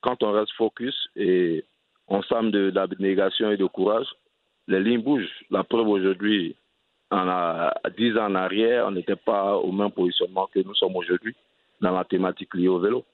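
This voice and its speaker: A cycling advocate from Côte d'Ivoire, speaking with an Ivorian French accent, answers interview questions earnestly and often restarts his phrases. His low voice keeps a fairly even intonation at normal speed, over a dry, tinny phone line with no room sound.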